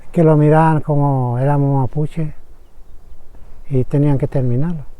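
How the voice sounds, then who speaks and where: An older man with a Chilean Spanish accent giving halting, plain-spoken documentary testimony as a witness. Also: fairly high pitch, steady tone, mellow. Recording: tinny phone-like sound.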